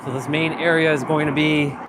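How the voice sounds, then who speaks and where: A man walks through an outdoor shopping plaza, talking casually to his viewers and padding his sentences with "like". His voice sits a little high for a man. It is recorded on a handheld mic with noise cancellation switched on, so you hear noise reduction artifacts over a faint bed of leftover noise. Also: level tone, a little fast. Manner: rambling, many "like" fillers. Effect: noise cancellation processing with noise reduction artifacts. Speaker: vlogger. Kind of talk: casual walking tour vlog.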